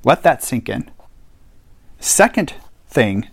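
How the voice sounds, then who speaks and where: A man's voice: medium pitch, takes it slowly, gravelly, slightly rough. A man teaching a Bible passage on a podcast in an earnest, conversational way, stressing key points by repeating them. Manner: earnest, animated, emphatic repetition.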